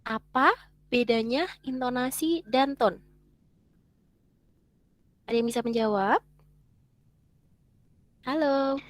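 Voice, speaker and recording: A woman from Indonesia teaches a class over a video call in a lively, chatty way, often turning to the audience with questions. Her voice sits high. The sound is dry and close, with no room echo. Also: slow pace, pauses often. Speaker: webinar teacher. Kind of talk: online teaching lecture.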